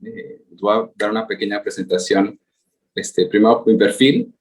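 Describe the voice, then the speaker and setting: A lower-pitched male voice at normal speed comes through a rough recording. The speaker, a Mexican man in his thirties with a Mexican accent, is guest-presenting a webinar by video call from his home in Japan, where he works remotely, sounding hesitant with plenty of fillers.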